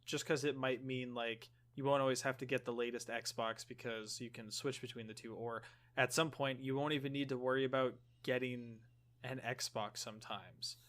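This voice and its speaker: Young male podcast host, relaxed and chatty, mid-pitched, laughs easily. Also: moderate pace. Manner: easygoing, laughs often. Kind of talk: casual gaming podcast chat.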